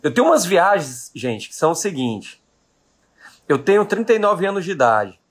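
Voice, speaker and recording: A Brazilian business owner in his late thirties delivers an emphatic motivational talk to his live-stream audience, repeating his key questions. His voice is high-pitched with big swings in pitch, and he speaks at a normal speed.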